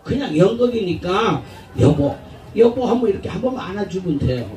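A man's voice: high voice, sing-song, a little fast, mellow. A man doing a street prank comedy bit, coaxing passersby with a brash, laughing, swearing manner. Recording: echoey outdoor street, crowd noise, distant mic.

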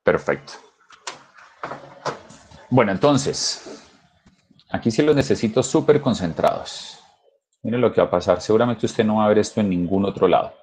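A man teaching English over a video call, emphatic and urging his students to practice out loud. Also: fairly low pitch, animated, moderate pace, pauses often, slight background noise. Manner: emphatic, coaxing students to repeat. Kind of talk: online class teaching.

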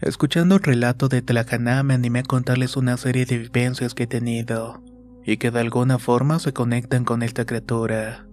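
A man reading a first-person horror story in a slow, measured, scripted narration. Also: medium pitch, level tone, darkish tone. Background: faint music.

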